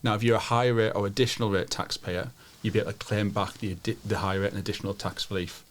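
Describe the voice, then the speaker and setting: A man's voice: on the low side, fairly even intonation, fast, a little hiss or hum. A man speaking as an adviser on a podcast, explaining technical points informally and methodically. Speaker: financial adviser, podcast guest.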